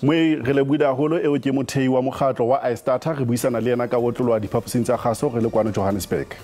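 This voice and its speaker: Casting: male broadcast news presenter, Sotho accent from South Africa, quick delivery, mellow timbre. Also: medium pitch, steady tone, faint music behind. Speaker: news anchor.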